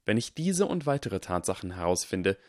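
An earnest young wizard lays out his reasoning in a calm, measured way, read by a man. The voice sits fairly low and the sound is dry and close. It has the feel of a storybook reading. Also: no room sound. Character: calm, earnest boy wizard lecturing on science.

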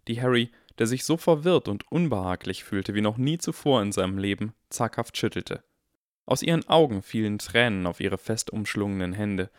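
A man reading an audiobook in calm, measured scripted narration. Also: on the low side, no echo, studio quality. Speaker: audiobook reader.

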